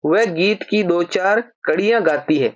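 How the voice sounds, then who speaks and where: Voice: mid-range voice, dry recording. Patient grammar teacher, dry dull audio. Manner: explains patiently, repeats example sentences slowly. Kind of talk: exam-prep grammar lesson. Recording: slightly dull, dry lo-fi recording.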